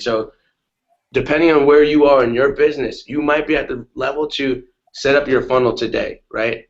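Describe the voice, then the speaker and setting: Man, mid pitch, energetic motivational chat, keeps asking right, muffled lo-fi video call audio. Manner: energetic, repetitive, says "right?" often. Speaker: guest on a webinar. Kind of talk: casual motivational talk. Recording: dull lo-fi webinar audio.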